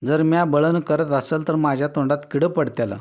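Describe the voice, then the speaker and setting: A man voicing a sulky, tearful rural wife who takes offense quickly and speaks in plaintive rustic village speech. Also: a little high, fairly even intonation, darkish tone, voice pushed up, lightly acted.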